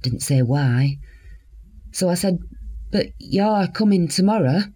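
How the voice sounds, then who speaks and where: An actress as Marlene, a husky blunt woman of sixty. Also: on the low side, expressive, slow pace, dark tone, exaggerated voice. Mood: wry. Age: 60s. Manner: blunt, wry, bitter storytelling. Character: weary, defiant sixty-year-old woman in care. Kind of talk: dramatic monologue.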